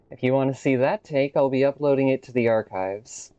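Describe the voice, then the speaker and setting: A man's voice: mid-range voice, creaky, dark tone, no echo, highs cut off. A man casually narrating a video game walkthrough with wry, offhand remarks. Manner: wry, offhand, swears when he slips.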